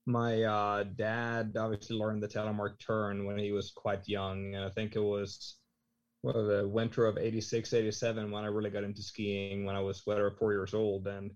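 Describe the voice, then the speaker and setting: A man in his thirties from Norway, a podcast guest chatting casually, talking in halting phrases with many fillers. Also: lowish voice, completely flat delivery, clean tone. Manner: halting, lots of fillers and restarts. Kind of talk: casual chat. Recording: slightly dull lo-fi sound.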